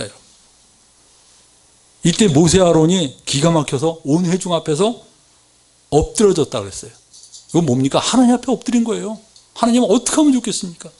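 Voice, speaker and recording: Man, lay preacher, lively storytelling sermon, high voice, questions to the congregation, acted-out quotes, church. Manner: acts out quoted Bible speech with big pitch swings.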